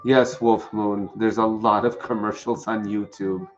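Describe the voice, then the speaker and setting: A man's voice: fairly low pitch, level tone, measured pace, highs cut off, faint music behind. A man doing a live-streamed tarot reading, chatting with viewers and answering the chat. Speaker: tarot reader.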